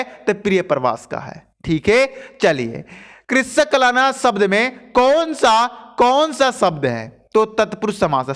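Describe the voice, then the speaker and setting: A young man teaches an exam-prep lesson on Hindi poems, explaining them chattily and checking in with his students. He calls them bhaiya and says "theek hai" often. His voice is high, a bit bright and clean.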